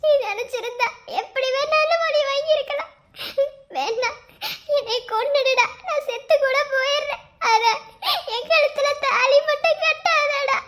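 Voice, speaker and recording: A woman's voice: extremely high pitch, a little slow, a bit bright. A woman voicing a heartbroken young bride in a cartoon, tearfully pleading to stop her wedding. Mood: desperate pleading.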